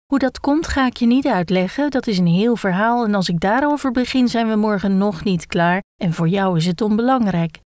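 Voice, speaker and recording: A woman's voice: mid-range voice, moderate pace, few pauses, a little mellow, no echo, studio quality, natural voice. Woman doing a timid, hesitant gecko. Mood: explaining. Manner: hesitant, hedging, fussy. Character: timid doubting male gecko giving a wish.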